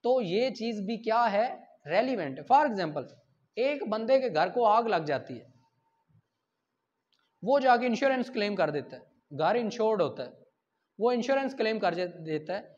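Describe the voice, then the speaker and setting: A man teaching law, with a Pakistani accent, has a high voice with lively intonation at a moderate pace. Examples carry his explanation, he questions and answers himself, and English terms are mixed in. The audio is a dull lo-fi lecture recording.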